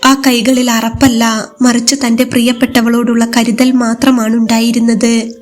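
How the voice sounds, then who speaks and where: A woman storyteller narrating a scripted story in a measured, emotive way. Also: on the high side, little pitch movement. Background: soft background music.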